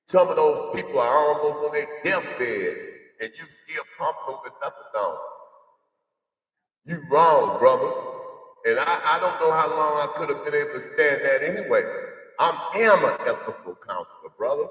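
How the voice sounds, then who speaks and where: A man's voice: fairly high pitch, expressive, moderate pace, a bit bright. A sixty-five-year-old man, an addiction counselor, delivering a defiant, preachy monologue and repeatedly addressing the listener as "brother.". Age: 60s. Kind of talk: confrontational monologue. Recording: echoey room, voice far from mic.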